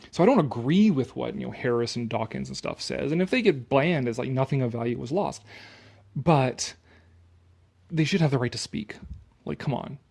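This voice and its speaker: A man reads an article aloud in a sarcastic, dramatic style, breaking off for his own casual, opinionated and mocking remarks with some swearing. His voice is medium-pitched, with vocal fry and a darkish tone.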